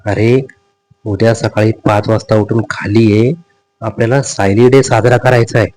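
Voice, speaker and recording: A teasing middle-aged mother who orders her son about in a brisk, coaxing way, put on by a man retelling the episode. His voice stays near his own register. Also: mid-range voice, close to an everyday voice. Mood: hushed. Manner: coaxing, brisk, hushed at times.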